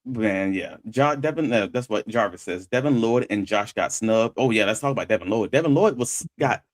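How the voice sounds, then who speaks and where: A male sports talk host with a slightly low voice and a very dry sound. He talks through his analysis conversationally, pressing his argument on key points. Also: animated, normal speed, no room sound.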